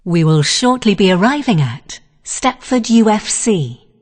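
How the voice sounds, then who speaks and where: A woman's voice: mid-range voice, sing-song, measured pace. A woman reading pre-recorded onboard passenger announcements as an automated train announcer. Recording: long reverberant hall echo.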